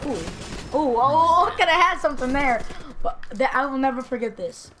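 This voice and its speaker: A teenage vlogger telling a story casually and acting out the quotes with lively energy. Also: female voice, sits high, moderate pace, slight background noise. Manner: animated, acts out quotes.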